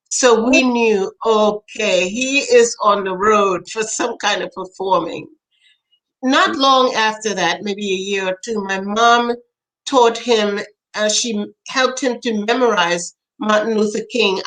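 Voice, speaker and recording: An older woman from Trinidad, a poet being interviewed, telling family stories with lively quoted voices. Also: medium pitch, a little slow, low-quality recording. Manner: animated storyteller, acts out quoted voices, laughs often. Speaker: poet and author, interview guest. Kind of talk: storytelling in conversation.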